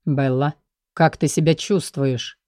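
A woman voicing a stern aristocratic male guardian who sounds worried and gruff. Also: fairly even intonation, slow, a little mellow, no echo, clean studio sound. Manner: low, gruff, urgent.

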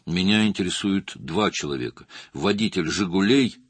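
A man reading an audiobook, voicing a calm, patient male police detective who questions in a measured way. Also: low-pitched, breathy edge, no room sound. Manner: measured and probing.

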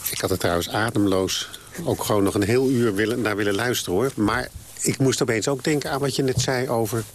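A man's voice: mid-range voice, a little fast, slight background noise. Eager male radio host. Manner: eager, cuts in with stumbling questions. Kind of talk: radio interview.

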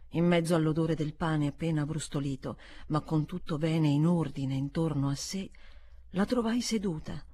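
A woman narrating a literary audiobook in a measured, expressive storytelling manner. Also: low-pitched, slightly rough. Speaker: audiobook reader.

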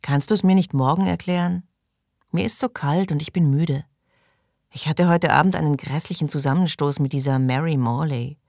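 Needy, impatient young woman, read by a woman, pleading, low voice, dry studio sound. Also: normal speed, creaky, darkish tone, no echo. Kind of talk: audiobook reading.

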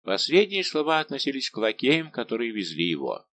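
A man narrating a classic adventure novel as an audiobook, with expressive storytelling. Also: medium pitch, a little fast.

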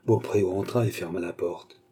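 A man reading a novel aloud as narrator, dramatic and expressive. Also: low voice, normal speed, slightly rough.

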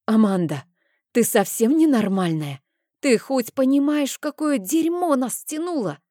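A woman's voice: medium pitch, animated, a little slow, mellow, no echo, clean studio sound, natural voice. A woman voicing a short-tempered, anxious male dragon thief in an audiobook, agitated and scolding. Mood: shouting. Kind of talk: audiobook character voice.

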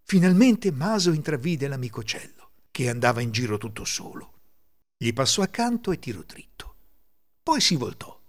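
An Italian man narrating a folk tale in a theatrical, expressive reading. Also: mid-range voice, moderate pace. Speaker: storyteller.

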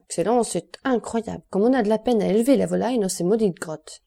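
A woman voicing a calm, mocking male bandit jailer who speaks with cool, deadpan politeness in an audiobook reading. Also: medium pitch, fast, gravelly.

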